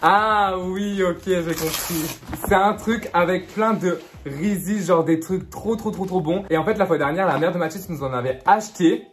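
A young man unboxing gifts in a casual vlog, excitable and gushing, stacking repeated words for emphasis. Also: sits high, normal speed, hardly any pauses, a little hiss or hum. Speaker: YouTuber.

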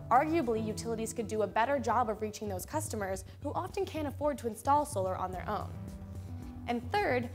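Young woman, studio host, scripted explainer, clear upbeat delivery, slightly high voice, lapel mic, music underneath. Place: studio with a plain gray backdrop.

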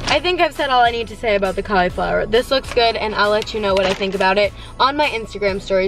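Bubbly young woman chatting in a car. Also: fairly high pitch. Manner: bubbly, chatty, animated hand gestures. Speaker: vlogger. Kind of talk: casual grocery haul chat. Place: parked car. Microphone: camera on dashboard.

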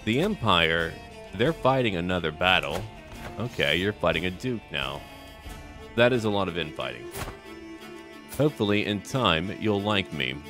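This gaming video host, a deep-voiced man, narrates his strategy game as roleplay with a sing-song, expressive pitch. He muses in clipped little remarks at a normal speed, leaving long pauses. Music plays faintly behind him.

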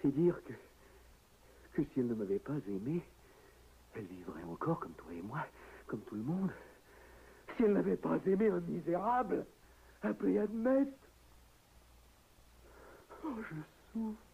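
An actor playing a grieving husband in a 1960s radio drama, swinging from hushed pleading to anguished cries. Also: male voice, fairly high pitch, lively intonation, a little slow, vocal fry, long pauses. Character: grieving husband Admette, desperate and self-reproaching. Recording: muffled old radio recording, faint hiss.

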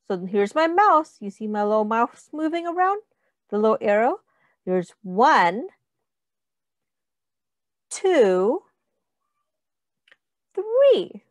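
A woman teacher reads a picture book aloud to young children, sing-song, deliberate, and instructive, counting and asking questions. Her fairly high voice is very animated, with no echo.

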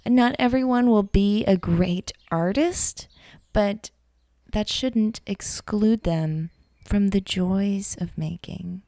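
A woman artist and teacher giving a calm, reflective talk over an art demonstration, soft and unhurried with fillers. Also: medium pitch, no room sound, clean studio sound.

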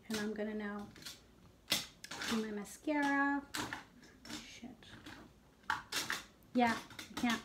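A woman's voice: mid-range voice, creaky, slight background noise. A woman in her fifties chatting casually while doing her makeup. She speaks candidly, swears freely and often drops into half-whispered asides. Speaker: beauty vlogger.

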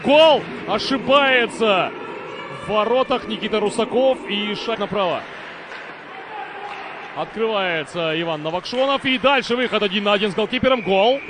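Guy calling a hockey game live, high voice, noisy rink. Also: normal speed. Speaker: hockey commentator. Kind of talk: live play-by-play sports commentary. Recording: noisy arena broadcast.

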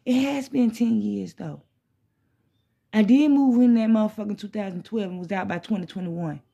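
A woman's voice: mid-range voice, normal speed, vocal fry, dark tone, slightly rough, highs cut off. A woman vlogging casually in a laid-back stoner manner, rambling with slang and swearing and circling back over her phrases. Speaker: vlogger hosting a smoke session. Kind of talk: casual rambling chat to camera. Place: small bedroom, indoors. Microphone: phone propped at arm's length or a little further.

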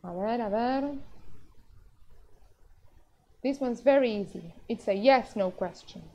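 A woman's voice: on the high side, takes it slowly, a little mellow. A woman teaching English in a live online class, moving between English and Spanish, patient and explaining step by step with frequent "yes?" check-ins. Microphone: video call. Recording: dull, lo-fi online class audio.

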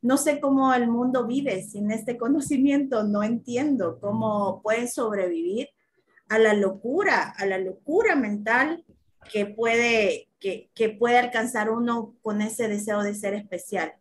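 A woman's voice: a little high, unhurried, slight background noise. A woman with a Central American Spanish accent, a course teacher sharing her personal story earnestly in an interview, laughing readily.

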